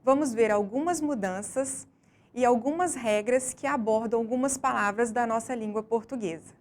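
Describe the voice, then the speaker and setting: A woman with a slightly high voice narrates a scripted lesson. She speaks slowly and deliberately and leans hard on each stressed syllable. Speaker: teacher.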